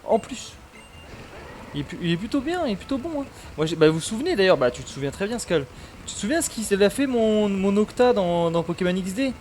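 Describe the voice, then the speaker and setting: A man's voice: sits high, sing-song, brisk, darkish tone, faint music behind. A man chatting casually on a gaming stream, rambling with lots of fillers.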